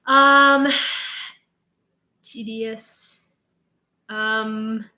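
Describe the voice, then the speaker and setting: She's a Ukrainian-born streamer in her late twenties with a near-American sound, hosting live news and bantering sassily with viewers through quick asides to the chat. Her voice is on the high side and sharp-toned, with fairly even intonation.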